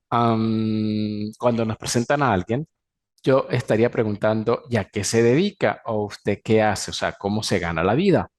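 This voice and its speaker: A man with a Venezuelan Spanish accent teaching an English class, slowly explaining and drawing out example phrases. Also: on the low side, darkish tone. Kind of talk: recorded class lecture.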